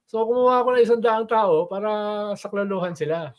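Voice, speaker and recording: A man with a notably high voice talks casually about politics, spinning long stories. He keeps dropping tag questions to check the listener is following. He gets animated as he speaks. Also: a little fast. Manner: storytelling with frequent "no?" tag questions; animated, voice rises when quoting chants. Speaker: political commentator guest.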